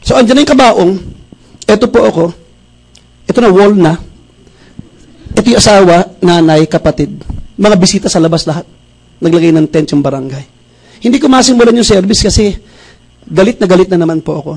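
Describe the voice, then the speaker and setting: High-voiced pastor man telling animated stories. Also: a little fast, gravelly, long pauses, husky, poor audio. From Bacolod, Philippines. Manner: animated storyteller who acts out dialogue. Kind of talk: motivational testimony speech.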